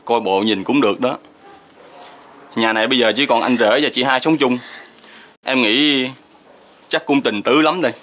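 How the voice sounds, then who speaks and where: A man's voice: medium pitch, normal speed, pauses often, natural voice. A man playing a blunt, joking brother-in-law. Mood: teasing. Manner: teasing then calmly blunt. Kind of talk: TV drama acting.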